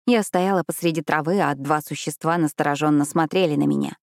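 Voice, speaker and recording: A woman narrating a first-person story in a steady, even reading voice. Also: sits low, a little fast, creaky, no room sound, studio quality. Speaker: audiobook narrator.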